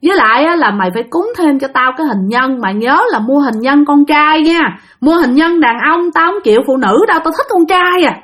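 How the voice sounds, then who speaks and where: A long-dead male ghost barks at the living in a brusque, possessive, scolding tone, as a woman puts him on. The voice sits higher and louder than an everyday speaking voice. It sounds like a ghost story being told aloud. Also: animated, brisk, hardly any pauses. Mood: demanding. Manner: brusque and scolding, crude familiar address.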